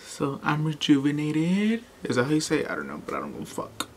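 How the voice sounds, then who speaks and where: A woman's voice: low-pitched, huge pitch swings, a little fast, slight background noise. Blunt, swearing young woman vlogging. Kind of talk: casual vlog chat. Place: bedroom at home.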